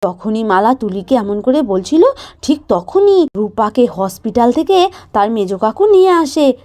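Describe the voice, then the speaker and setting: A woman telling a storybook village doll tale and voicing its figures with an emotive, lively delivery. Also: a little slow. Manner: emotive, lively delivery, pitch rising high for cries. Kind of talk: dramatized storybook narration.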